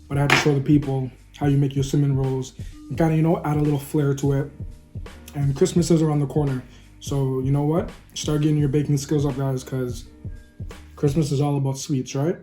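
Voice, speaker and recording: A man's voice: medium pitch, warm tone. A man hosting a casual cooking vlog, upbeat and chatty, tasting food while he talks to viewers. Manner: upbeat, keeps calling viewers "guys"; talks while eating, savoring sounds. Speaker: food vlogger.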